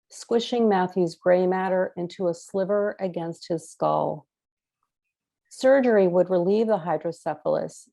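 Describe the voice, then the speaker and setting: A middle-aged woman reading her own nonfiction essay aloud in an earnest, measured way with emotional emphasis. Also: on the low side, vocal fry, warm tone. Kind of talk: first-person reading.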